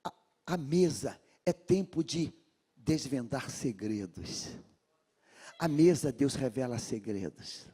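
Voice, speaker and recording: Brazilian pastor preaching slow in a big church, rio accent, husky voice, goes from hushed to shouting. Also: male voice, medium pitch, lively intonation. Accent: Rio de Janeiro Brazilian Portuguese. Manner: calls on the congregation to repeat and underline, swings from hushed to shouted. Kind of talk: sermon. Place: large church.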